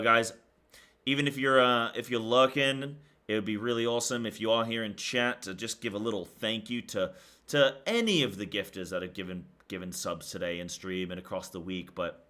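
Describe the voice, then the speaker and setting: A live streamer who also casts esports hangs out with his viewers, talking in a rambling, slangy manner and repeating phrases. His voice is fairly low in pitch yet fairly bright in tone.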